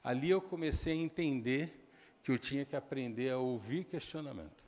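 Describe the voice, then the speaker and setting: A middle-aged man with a Brazilian accent preaching a sermon in a church, telling stories conversationally with quick asides to the congregation. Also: medium pitch, darkish tone. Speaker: pastor. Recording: long hall reverb.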